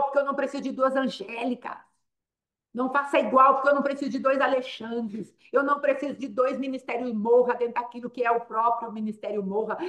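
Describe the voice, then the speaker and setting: Fervent Brazilian woman preaching a sermon. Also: fairly high pitch. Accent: Brazilian Portuguese. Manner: fervent, repetitive, swings from loud emphasis to hushed intensity.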